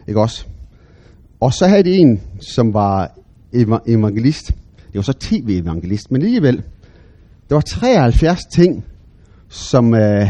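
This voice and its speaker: A middle-aged man, preaching a sermon as animated storytelling with big, loud bursts when he quotes himself. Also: fairly high pitch.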